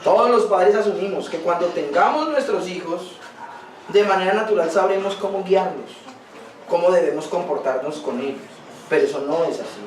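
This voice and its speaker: A man's voice: sits high, moderate pace, slight background noise. A male pastor preaching a sermon earnestly, now and then acting out quoted dialogue. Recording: roomy distant sound, recorded without a microphone.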